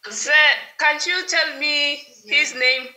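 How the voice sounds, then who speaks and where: A woman, a congregant answering a prophet with hesitant, soft replies. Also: high voice, slow pace, low-quality recording.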